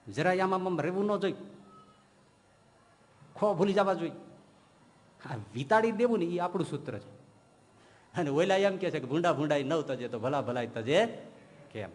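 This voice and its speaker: A man, a swami, giving a storytelling sermon in speech and acting out the quoted saints in lively turns. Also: high-pitched. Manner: animated storyteller who acts out quoted saints. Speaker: swami giving a religious discourse. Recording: long hall reverb.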